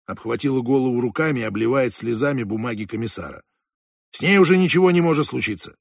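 A man voicing a gruff middle-aged police inspector who talks brusquely and impatiently on the phone in an audiobook. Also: medium pitch, animated, quick pace, dry recording, studio quality, pitched below the performer's own voice. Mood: sardonic. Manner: brusque, impatient, calls the other fool.

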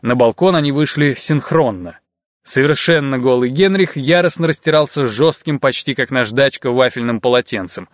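A man's voice: mid-range voice, normal speed, dry recording. Man narrating an audiobook, dry close sound. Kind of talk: scripted narration.

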